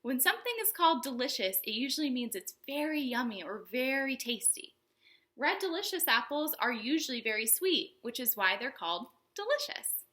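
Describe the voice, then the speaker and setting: Very animated and speaking at normal speed, a children's librarian runs a storytime lesson for little ones. Her high voice swings broadly with a bright, forward tone, and she explains simply in a sing-song manner while repeatedly asking her young viewers questions.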